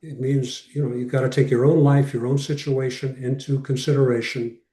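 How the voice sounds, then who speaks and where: A man with a mellow, relaxed voice gives an informal religious lecture as a rabbi. He sounds set back from the microphone in a roomy, echoing space on a video call. He leans on short, repeated phrases to make each point. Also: mid-range voice, normal speed. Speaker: rabbi teaching a class. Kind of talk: informal lecture with question and answer. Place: online video call session. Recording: roomy echo, distant from mic.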